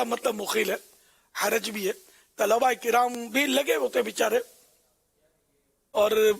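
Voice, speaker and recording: High, very gravelly male preacher. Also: a bit bright. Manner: conversational, rambling with fillers. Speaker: religious scholar. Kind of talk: religious talk.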